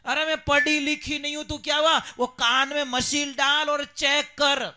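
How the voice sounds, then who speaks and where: A soft, doting, pleading old village woman, as a preacher puts her on, very high and bright voice, devoted to her idol. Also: normal speed. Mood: indignant.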